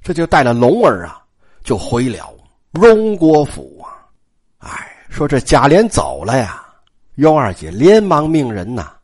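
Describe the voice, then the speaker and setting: Male traditional storyteller, colloquial and joking, very animated pitch. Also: unhurried, slightly rough. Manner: lively, colloquial, joking asides.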